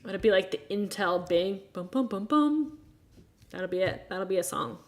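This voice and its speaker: A woman's voice: mid-range voice, animated, moderate pace. A woman in her thirties from the United States, hosting a casual live chat, talking frankly with exasperated, sarcastic asides. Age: 30s. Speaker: livestream host.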